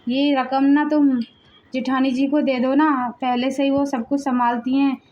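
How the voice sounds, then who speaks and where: Woman doing a shy polite young bahu, cartoon drama, high soft pleading voice. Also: level tone, measured pace, dull audio. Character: meek dutiful young daughter-in-law.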